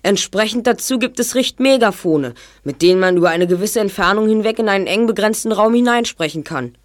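A man's voice: high-pitched, animated, brisk. A young male actor playing a clever teenage detective in an audio drama, explaining with precision and self-assurance. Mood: explanatory. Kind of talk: German children's detective audio drama acting.

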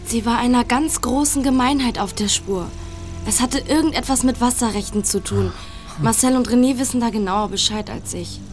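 A woman's voice: fairly high pitch, moderate pace, faint music behind, natural voice. A woman playing a shy, anxious young woman. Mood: pleading. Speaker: character in a radio drama. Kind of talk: German radio-play acting.

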